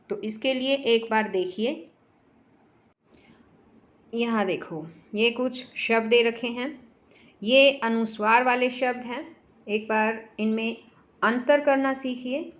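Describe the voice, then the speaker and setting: A woman teaches a children's workbook lesson in a slightly high voice, speaking very slowly. She patiently repeats each word and splits it into its sounds. The recording sounds dull and lo-fi. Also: a bit bright. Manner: patient, repeats words syllable by syllable.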